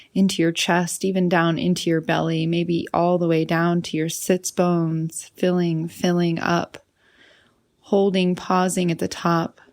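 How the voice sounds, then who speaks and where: Leading a guided meditation, a woman with a voice on the low side speaks calmly and without hurry, frequently trailing off into soft breathiness.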